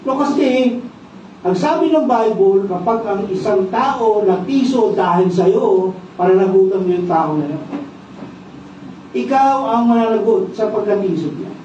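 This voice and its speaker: A man's voice: high-pitched, expressive, unhurried, darkish tone, a little hiss or hum. A man with a Filipino accent preaching a sermon as pastor, asking his congregation questions and tagging his lines with "no?". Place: church worship service. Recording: echoey, distant and dull church sound.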